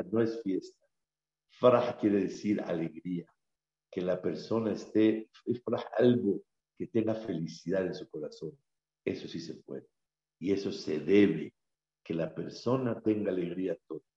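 A man teaches a religious class, hammering home key phrases and quizzing his listeners. His voice is lowish and mellow, rising to loud exclamations and dropping to near-murmurs. It echoes around the room on a slightly dull, lo-fi recording. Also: unhurried. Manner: emphatic, swings from loud exclamations to low murmurs; repeats key phrases for emphasis, asks the audience questions. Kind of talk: Torah class in Spanish.

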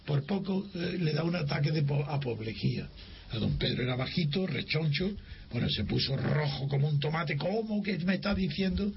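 A man's voice: a little high, normal speed, gravelly. An older man from Spain recounting a personal memory in an interview, acting out the dialogue with frequent restarts. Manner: lively storyteller who acts out dialogue, with frequent restarts. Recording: dull lo-fi recording with faint hiss.

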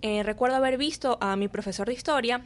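A woman's voice: on the high side, fast. A woman chatting casually and cutting in playfully. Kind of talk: casual chat.

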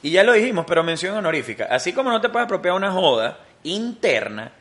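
A man trades jokes as a podcast co-host. His voice is bright and forward and sits on the higher side, and his talk is loose and full of slang. He likes to repeat a phrase over and over for comic effect. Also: big pitch swings, quick pace. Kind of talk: casual chat.

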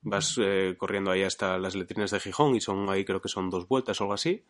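A man's voice: low voice, fairly even intonation, fast. A man with a Castilian accent from Spain, chatting casually as a podcast host in colloquial, sweary speech. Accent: Castilian Spanish, from Spain. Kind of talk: casual chat.

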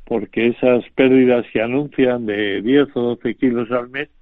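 Male doctor on a phone-thin line, measured and formal, dry sound. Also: medium pitch, fairly even intonation, no echo, narrow, tinny audio. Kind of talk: radio advice.

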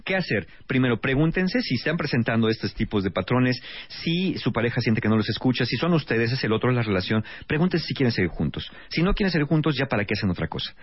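A man's voice: mid-range voice, big pitch swings, fast, hardly any pauses, slightly rough. A man with a Mexican accent co-hosting a radio talk show, giving emphatic relationship advice. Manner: emphatic, lecturing. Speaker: radio co-host, relationship advisor. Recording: slightly muffled radio broadcast.

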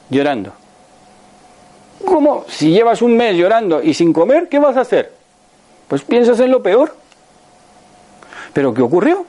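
Spanish man in his sixties, motivational speaker with a high, swooping voice, talks to the room with rhetorical questions. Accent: Spain Spanish. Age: 60s. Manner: animated, many rhetorical questions and checks like "right?". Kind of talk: motivational talk to an audience.

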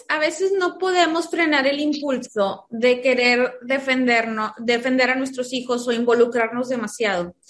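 A woman with a high voice speaks as a guest in an interview, talking as a mother. She explains her views through lively anecdotes and often acts out the dialogue in them. Her delivery is conversational and animated. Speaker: guest, a mother of school-age children.

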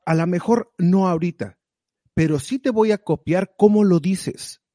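A man talks in a casual conversation, lively and direct, as he urges the listener on. His voice sits a little high but has a mellow, warm tone. The sound is dry and close, with no room echo. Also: measured pace. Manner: animated, motivational, direct. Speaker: guest sharing advice.

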